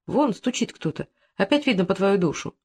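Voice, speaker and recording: Brief: narrator plays a worried village wife, soft muffled coaxing tone, lilting voice, audiobook. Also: mid-range voice, lively intonation, normal speed, husky. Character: anxious village wife, thin and pleading. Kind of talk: audiobook reading.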